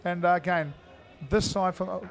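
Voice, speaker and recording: A rather high-voiced man calling an indoor cricket match live. He talks in a loose, chatty way with plenty of fillers and sudden loud shout-outs to viewers. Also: fairly even intonation, moderate pace. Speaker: cricket commentator. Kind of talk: live sports commentary.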